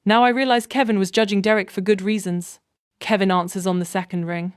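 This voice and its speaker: A woman reading a scripted first-person story in a measured, even way. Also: mid-range voice, clear, resonant tone, no echo, clean studio sound.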